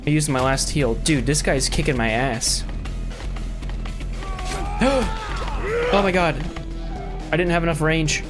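A man's voice: a little high, slow pace, pauses often. A young man giving casual, exclamatory let's-play commentary as a gaming host. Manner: excitable, exclamatory. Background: game music.

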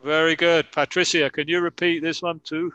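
Slow, bright-voiced male English teacher. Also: on the high side, flat delivery, clear, resonant tone, dry recording. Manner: slow, careful, models pronunciation by repeating sentences. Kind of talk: online class explaining grammar.

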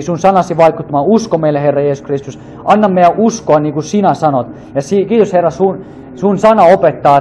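A man's voice: a little high, warm tone, a little hiss or hum. Man leading a fervent spoken prayer. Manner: fervent, repetitive invocations. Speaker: prayer leader.

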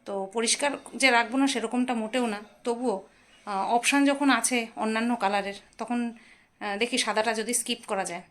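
A woman's voice: on the high side, fairly even intonation, moderate pace, a bit bright, rough recording. A woman chatting casually to her viewers in a home vlog, tired after little sleep. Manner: chatty, addresses viewers directly. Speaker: home vlogger. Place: home, indoors.

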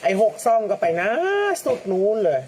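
A man hosting a lottery livestream, chatting casually, reading out viewer comments and using soft feminine polite particles. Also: sits high, moderate pace, slight background noise. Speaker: lottery-number livestream host.

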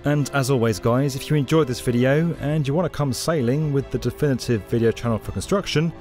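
Man narrating a documentary over soft music. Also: mid-range voice, brisk. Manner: clear, explanatory, lightly conversational. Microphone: studio voice-over.

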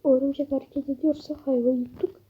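A woman's voice: high voice, little pitch movement, quick pace, highs cut off, slight background noise. A woman with a stuffy nose, rambling, swearing and muttering nervously as she comments on her gameplay. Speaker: gamer. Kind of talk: let's-play commentary.

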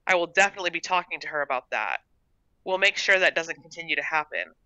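A woman doing a gentle, firm schoolteacher. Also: low voice, lively intonation, quick pace, no room sound. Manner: gentle but firm, reassuring. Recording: dull lo-fi dry recording.

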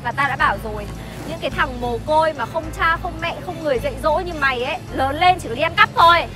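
A woman's voice: high-pitched, quick pace, lightly acted. An actress playing a harsh young mother who berates an orphan boy, scolding sharply in a scripted web sitcom. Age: young adult. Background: background music.

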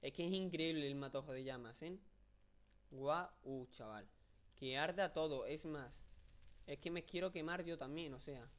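A young man from Spain with a fairly high, smooth, clear voice talks over his video game. He rambles and jokes, keeps stopping to fill the gaps, and gets worked up over what he sees on screen. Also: moderate pace. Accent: Spain Spanish. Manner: joking, rambling, excitable with many fillers. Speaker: gameplay commentator. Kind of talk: casual video game commentary.

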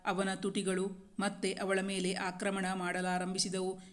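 A man reading a romance novel aloud as scripted narration, at a steady, even pace. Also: sits high, a little slow. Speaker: storyteller.

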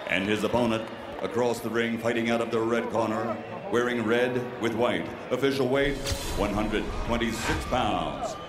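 A man announcing boxers in the ring with theatrical, drawn-out delivery that builds toward shouted names. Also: fairly low pitch, over music. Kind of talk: boxing ring introductions. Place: large indoor boxing arena. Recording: echoing arena PA with crowd noise.

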